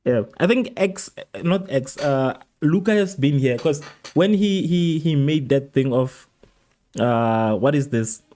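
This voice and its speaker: A man's voice: fairly high pitch, animated, takes it slowly, dark tone, faint music behind. A man from South Africa hosting a live football watchalong stream, chatting loosely with viewers, laughing and repeating himself as he answers chat. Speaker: livestream host.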